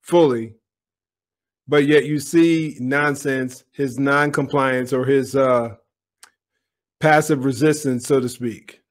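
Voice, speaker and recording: A man's voice: mid-range voice, steady tone, slow. A man giving opinionated commentary on a police video, speaking bluntly and directly to his viewers.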